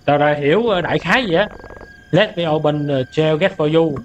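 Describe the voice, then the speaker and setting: A young man doing let's-play commentary on a horror game, easily startled into loud outbursts and translating the game's English lines aloud as he goes. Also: a little high, fairly quick, highs cut off. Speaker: gaming streamer.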